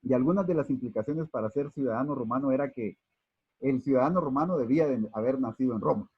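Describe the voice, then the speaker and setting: A Guatemalan man with a husky, mid-range voice leads an unscripted Bible class, hesitating often, using many fillers, and restarting sentences. He warmly calls his listeners brothers. The recording is dry and a little dull.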